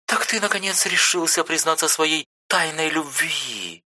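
A man voicing a chatty, pushy younger sister who teases her brother, raising his voice high for her in an audiobook. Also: normal speed, slightly rough, heavily acted. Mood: excited. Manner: chatty, excitable, teasing.

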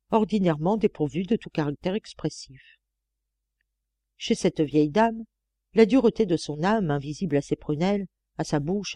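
A woman narrating a literary audiobook in a measured, expressive reading. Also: lowish voice, no room sound. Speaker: audiobook reader.

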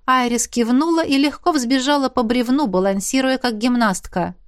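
Female audiobook narrator; steady first-person storytelling, high-ish, dry. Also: normal speed, clean tone, no room sound.

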